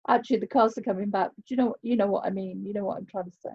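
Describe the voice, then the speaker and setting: Woman, very mellow dark tone, a bit husky, casual group chat, muffled lo-fi call audio. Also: mid-range voice, steady tone, very fast. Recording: dull lo-fi online call audio.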